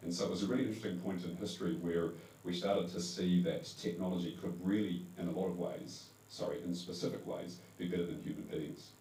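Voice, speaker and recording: A deep-voiced man from New Zealand with a dark tone speaks as a conference panelist, giving a presentation to a live audience in an event hall. He talks conversationally, correcting himself and using fillers. The hall is echoey, the mic distant, and a faint hum runs underneath.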